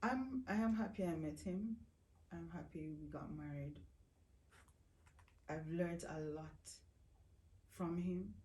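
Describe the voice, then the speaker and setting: A woman guest slowly and reflectively telling her life story in an interview, often speaking of her faith. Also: on the low side, mellow, recorded from a distance. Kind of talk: personal testimony interview. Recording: roomy echo, voice off-mic.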